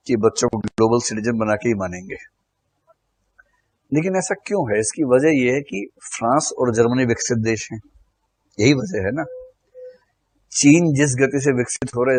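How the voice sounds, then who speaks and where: A man's voice: mid-range voice, dry recording. A middle-aged man teaching a lecture class, explaining in a conversational way and asking rhetorical questions.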